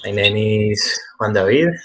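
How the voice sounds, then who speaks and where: A man from Colombia, a geologist, speaking calmly and politely on a video call. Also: lowish voice, measured pace. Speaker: geologist, club member. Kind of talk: casual chat on video call.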